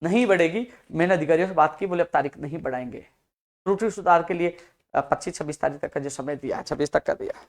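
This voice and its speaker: In an impassioned advocacy video, a man speaks as a youth activist addressing job seekers. His voice is a little high and he talks fast, fervent and full of rhetorical questions, swinging from soft lines to loud outbursts.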